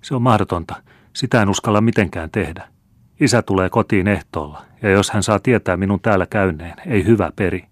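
A man's voice: low voice, no room sound. A man voicing a young girl in a plaintive voice that mixes playfulness and sorrow. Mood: brisk. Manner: plaintive, half playful half sad. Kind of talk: audiobook character reading.

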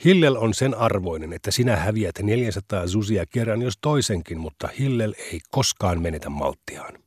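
Patient old male sage, soft and kindly, dry close sound, man reading the part. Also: on the low side, animated, slightly rough, no echo. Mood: gentle.

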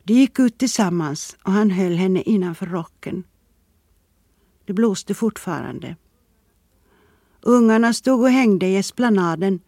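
A reader giving calm, measured scripted narration of a literary story. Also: medium pitch, dry recording, studio quality. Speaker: audiobook reader.

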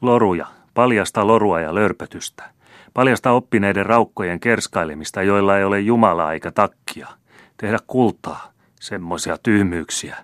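A man voicing a scornful, grasping old rich merchant who scolds loudly in an audiobook reading. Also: lowish voice, no echo, clean studio sound, voice pushed up, close to an everyday voice. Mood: scolding. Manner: contemptuous, grasping, rising to loud scolding.

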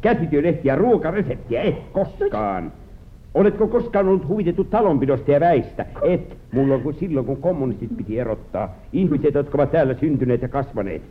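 An actor playing an exasperated farmer who scolds his wife, then calms her, in a 1940s film drama. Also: mid-range voice, hardly any pauses, lightly acted. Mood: scolding. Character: Aarne, exasperated farmer husband. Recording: tinny old 1940s film soundtrack with hiss.

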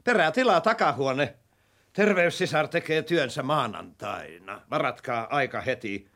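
A man's voice: mid-range voice, expressive, fairly bright tone. An actor dubbing a stern senior male official in a sitcom, who gives orders in a commanding, blustering way. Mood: bossy. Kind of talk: dubbed sitcom acting.

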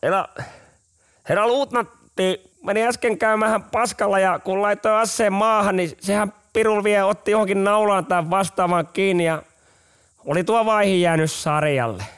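A man's voice: high-pitched, fairly bright tone, clean tone, voice pushed up. A man voicing a sheepish young male conscript with a hesitant, rustic way of telling.

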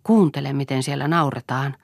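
A woman reading the part of a male doctor in an audiobook, speaking in a measured, gently ironic way. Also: very deep voice, gravelly, no echo, clean studio sound, exaggerated voice. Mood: earnest. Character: man, a doctor, gently wry and earnest. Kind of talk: audiobook character voice.

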